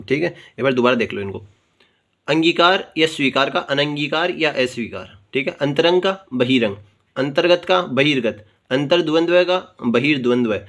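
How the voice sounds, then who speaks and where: A man's voice: a little high, fairly bright tone. A man teaching a Hindi grammar lesson, explaining patiently and checking in with "theek hai" after nearly every point, repeating words to drill them. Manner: repeats words slowly and drills correct spellings.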